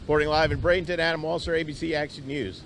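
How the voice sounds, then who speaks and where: A man's voice: a little high, fairly even intonation, fast, a bit bright. A man working as a field reporter, giving a live storm report outdoors in a raised voice over wind and rain. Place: outdoors at a marina in a hurricane. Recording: outdoor mic with wind and boat-side noise.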